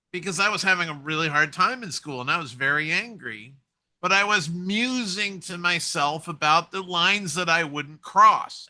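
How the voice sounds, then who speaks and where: A man talking in a casual conversation, musing and telling stories with animated energy. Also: high-pitched. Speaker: co-host.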